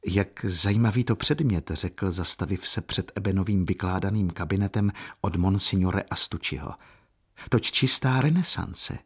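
A man's voice: sits low, slightly rough. A man doing an earnest lovestruck young man. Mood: admiring.

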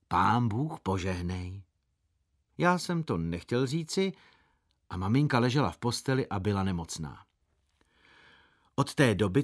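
Lively male audiobook narrator. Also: fairly low pitch. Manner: expressive, puts on voices for quoted characters. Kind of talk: audiobook reading of a boy's first-person story.

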